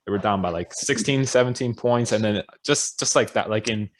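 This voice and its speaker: Hesitant young man, lowish voice. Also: normal speed. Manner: hesitant, lots of fillers and restarts. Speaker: podcast co-host. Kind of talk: casual chat.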